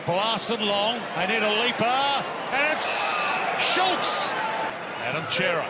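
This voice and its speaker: A man commentating live on football in terse phrases with drawn-out calls. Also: high-pitched, lively intonation. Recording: very loud stadium crowd noise. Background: roaring stadium crowd.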